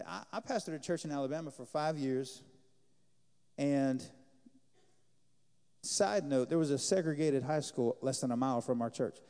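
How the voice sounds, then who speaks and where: A man preaching a sermon as pastor, animated, acting out the lines he quotes. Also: high-pitched. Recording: reverberant hall.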